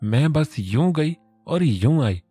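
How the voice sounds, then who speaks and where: A man voicing a quick-tempered young woman who scolds and sulks in a storybook reading. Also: on the high side, very animated, mellow, husky, faint music behind, voice pushed up, exaggerated voice. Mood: fiery. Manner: scolding, sulky.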